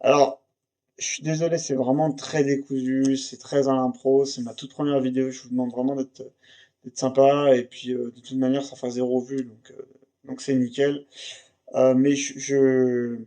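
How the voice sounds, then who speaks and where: Rambling young French man, mellow voice. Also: medium pitch, level tone, normal speed. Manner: rambling, many fillers and restarts, laughs easily. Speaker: YouTuber reviewing a science paper. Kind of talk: unscripted casual commentary.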